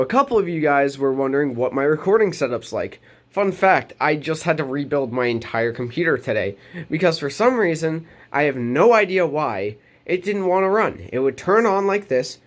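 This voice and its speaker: A slightly high voice with lively intonation and a moderate pace belongs to a teenage boy making a casual bedroom vlog. He's nasal while getting over a cold, rambling with plenty of ums and restarts as he moves around the camera mic.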